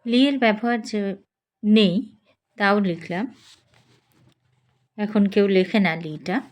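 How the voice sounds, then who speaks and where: A woman's voice: medium pitch, takes it slowly. A woman teaching spelling, patiently sounding out and repeating each syllable. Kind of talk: slow instructional lesson.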